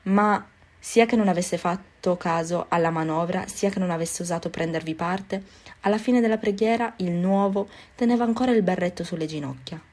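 A woman narrating a novel as an audiobook, in a measured and expressive reading. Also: lowish voice.

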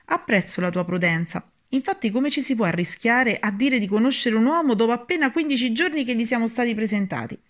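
Brief: a woman playing a dry, teasing storybook father, measured and ironic. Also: a little high, lively intonation, pitched above the performer's own voice, natural voice. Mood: wry. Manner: wry, teasing.

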